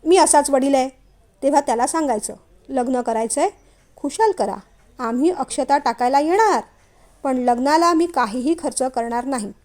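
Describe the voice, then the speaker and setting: A blunt, strict middle-aged father from an audio storybook, as a woman narrator reads his lines, clipped and final, with a rather high voice for a man. He closes topics firmly. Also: moderate pace, a little mellow, close to an everyday voice. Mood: stern. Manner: firm, curt, dismissive.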